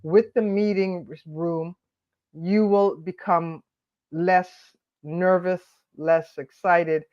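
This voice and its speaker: Extremely slow and fairly even in intonation, a woman's fairly low, darkish voice comes across on dull audio. She hosts a daily confidence live stream, calling out viewers by name and giving upbeat coaching, her voice nasal from allergy congestion.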